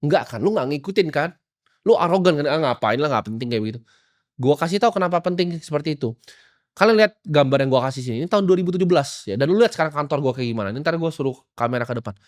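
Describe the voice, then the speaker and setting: A man, ranting to his audience like a finance lecturer. His voice sits somewhat high, and he is confrontational and openly mocking. The sound is dry and close, with no room echo. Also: lively intonation, rapid-fire, a little mellow. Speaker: investor and finance vlogger.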